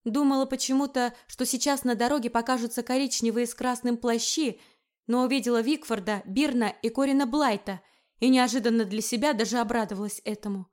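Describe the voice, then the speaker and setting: A woman's voice: fairly high pitch, steady tone, brisk, darkish tone. Woman narrating a fantasy audiobook.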